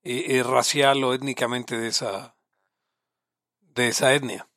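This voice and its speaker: A man's voice: mid-range voice, fairly even intonation, measured pace, a bit bright, no room sound, studio quality. A man with a Mexican accent hosting a podcast in casual chat, talking loosely and reading listener questions. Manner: chatty, reads listener questions aloud. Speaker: podcast host.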